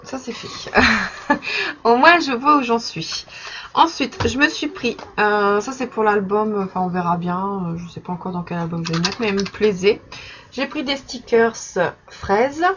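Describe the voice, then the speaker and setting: A young woman casually chatting in her vlog while showing stickers she bought, with many fillers and soft laughs. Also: mid-range voice, a little slow. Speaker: vlogger. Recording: slightly dull recording with faint background noise.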